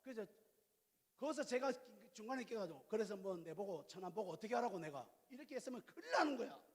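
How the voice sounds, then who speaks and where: A male pastor in his fifties preaching a sermon, telling stories in a lively, colloquial way with questions to the congregation. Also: high voice, fast talker, husky. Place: church sanctuary. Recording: reverberant church hall.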